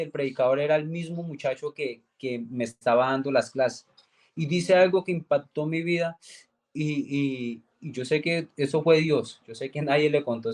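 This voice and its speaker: A young man giving a personal faith testimony, earnestly retelling events and acting out the dialogue. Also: a little mellow. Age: young adult. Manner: earnest storytelling, acts out quoted dialogue with raised pitch. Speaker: guest giving a religious testimony.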